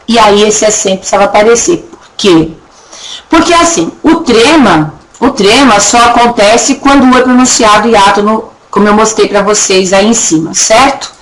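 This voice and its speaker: A woman teaching a recorded Portuguese grammar lesson with a Brazilian accent, chatty, checking in often with her students and slowly stretching words to show how they are pronounced. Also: medium pitch, poor audio. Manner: drags words out slowly to demonstrate pronunciation. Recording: faint background noise and clicks.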